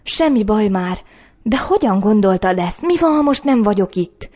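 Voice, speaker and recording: Gentle young man, as a woman narrator voices him. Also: mid-range voice, lively intonation, lightly acted. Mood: hushed urgent. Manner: soft hushed urgent.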